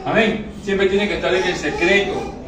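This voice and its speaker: Emotional male preacher, high voice, repeats himself, heard from afar in a very echoey room. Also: normal speed, crowd noise. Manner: emotional, repeats phrases, asks the congregation questions. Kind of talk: sermon. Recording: echoey room, recorded from far off, faint noise.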